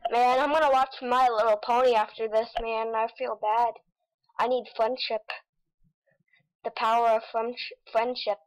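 A woman giving excitable gameplay commentary, with frustrated outbursts and silly nonsense sounds. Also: on the high side, measured pace, low-quality recording. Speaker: gamer. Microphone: desk mic with face cam.

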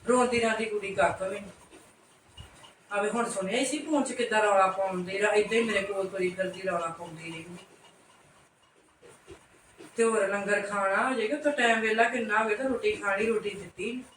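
A woman's voice: mid-range voice, steady tone, a bit bright, close to an everyday voice. A woman playing a nagging older mother-in-law in a comic family skit, with a Punjabi accent, who grumbles and scolds. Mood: complaining. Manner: grumbling, complaining, quick to scold. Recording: roomy, distant, noisy home recording.

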